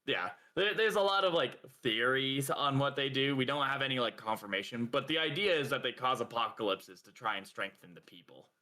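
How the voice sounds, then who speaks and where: A man's voice: mid-range voice, expressive, fairly quick, hardly any pauses, bright, forceful tone. A young man co-hosting a podcast, rambling casually with lots of fillers and frequent laughs. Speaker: podcast co-host. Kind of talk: casual chat.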